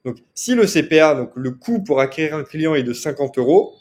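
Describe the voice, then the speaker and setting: A man's voice: a little high, expressive, a little fast, a little mellow. A man giving an online marketing course lecture in French. He explains step by step, often stops to check with "ok?", and corrects himself as he goes. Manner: explanatory, repeats key terms, frequent "ok?" checks; fillers and self-corrections. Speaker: marketing trainer.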